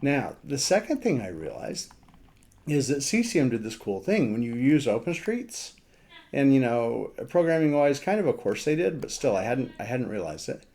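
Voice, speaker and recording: With a calm, mellow, middle-pitched voice, a man gives a laid-back screen demo of a map. He's an amateur radio operator, and he voices his thoughts as he works, speaking in a stop-start, chatty way.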